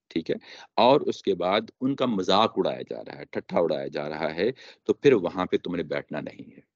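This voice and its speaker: Deep-voiced man w/ giving a quran lesson, dry muffled recording. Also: a little mellow, dry recording. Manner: repeats key phrases for emphasis, recites Arabic verses. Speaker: Quran teacher. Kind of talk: explanatory religious lecture. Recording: dull dry lo-fi lecture recording.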